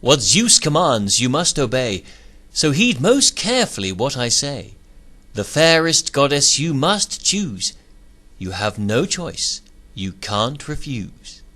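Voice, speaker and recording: A man's voice: medium pitch, sing-song, takes it slowly, sharp tone, exaggerated voice. A man voicing a cheery male messenger god in a rhyming storybook, speaking in a breezy, raised voice. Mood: firm.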